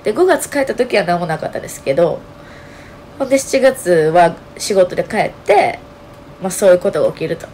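A woman with a Kansai accent talking casually to her channel, her voice hoarse and nasal, telling her story with lots of fillers. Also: medium pitch, fairly quick, slight background noise. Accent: Kansai Japanese. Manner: chatty, animated storytelling with many fillers. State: hoarse, strained voice. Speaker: channel host. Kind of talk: casual solo vlog talk.

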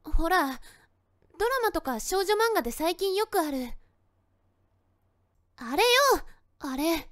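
A woman's voice: extremely high pitch, very animated, takes it slowly, long pauses, a bit bright, exaggerated voice. A woman playing a bashful, snappy teenage tsundere girlfriend in an anime-style situation voice drama, stammering and huffy. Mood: flustered, insistent.

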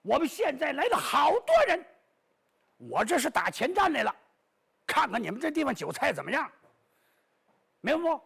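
A male storyteller voicing a boastful, cowardly bluffer who stammers and talks fast, with a raspy voice. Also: extremely high pitch, sing-song, sharp tone, voice pushed up, heavily acted. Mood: bluffing.

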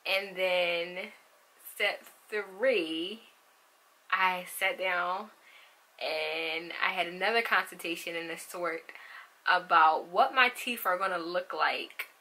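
A young adult woman with braces on her teeth chats casually to camera in a rambling, animated vlog style, full of asides. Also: fairly low pitch, slow, rough recording. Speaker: vlogger. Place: small room at home.

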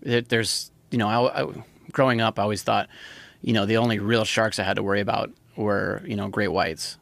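Lowish gravelly guy from hawaii rambling on a podcast, lots of um and you know. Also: fairly even intonation, fairly quick, fairly bright tone, dry recording. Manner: rambling, many restarts and fillers. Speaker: podcast guest. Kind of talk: casual chat.

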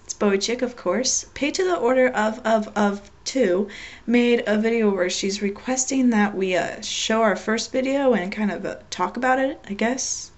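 Higher-pitched young woman, casual self-mocking commentary. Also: normal speed, slight background noise. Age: young adult. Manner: self-mocking, dismissive asides. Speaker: video blogger. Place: bedroom, indoors. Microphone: webcam at desk, earbuds in. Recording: another voice playing underneath.

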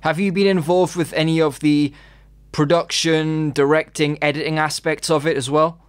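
A man hosting an interview, asking questions in a measured, formal way. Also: fairly high pitch, fairly even intonation, smooth, no room sound. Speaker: interview host.

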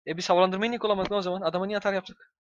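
A young man giving casual let's-play commentary, excitable, talking to himself and swearing at the game. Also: high-pitched, racing, lo-fi sound. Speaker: gameplay commentator. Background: game music.

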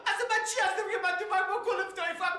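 A man's voice: extremely high pitch, expressive, bright, forceful tone, roomy sound, heavily acted. A desperate pleading young man. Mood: outraged. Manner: pleading, swearing oaths nonstop, rambling. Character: fast-talking desperate young man caught by the law. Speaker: young man questioned by an official. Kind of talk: film dialogue.

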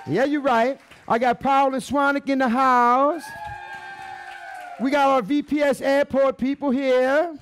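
A man's voice: extremely high pitch, clean tone, dry recording. A middle-aged cooking show host. He demonstrates like a folksy showman, chatting to the crowd with catchphrases. The sound is close and dry from a headset mic. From Louisiana. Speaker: chef hosting a live cooking show. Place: restaurant dining room stage, indoors.

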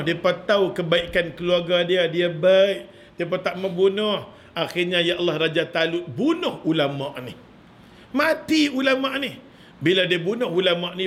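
A middle-aged man with a northern Malaysian Malay accent, giving a religious lecture as an animated storyteller who chuckles and keeps asking the audience rhetorical questions. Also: high-pitched. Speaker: religious teacher.

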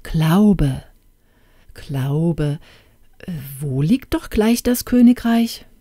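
A woman's voice: on the low side, lively intonation, extremely slow, warm tone, no room sound, studio quality, full character voice. A woman voicing a forgetful, absent-minded old king in a fairy-tale audiobook, muttering and hesitating. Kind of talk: storybook reading.

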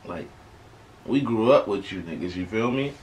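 Young American male reaction host, lowish pitch, slangy and conversational, emphatic repeats, noisy home webcam sound. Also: animated, moderate pace. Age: young adult. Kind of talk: casual reaction commentary. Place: small bedroom indoors. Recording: clear background noise, home webcam recording.

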